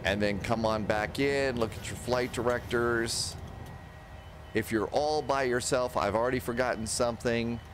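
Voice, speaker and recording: At medium pitch and normal speed, an older man in his sixties talks himself aloud through each step of a flight simulator, in a casual instructional style. The recording comes from a close desk microphone in an indoor home streaming setup, with a steady layer of simulated cockpit and engine noise.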